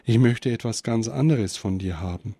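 A man voicing the gentle, forgiving Christ child in a read-aloud Christmas story, speaking softly and calmly. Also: mid-range voice, moderate pace, breathy edge, no echo.

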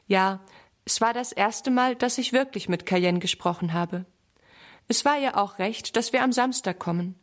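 A woman's voice: medium pitch, normal speed, close to an everyday voice. A woman reading a shy young schoolgirl.

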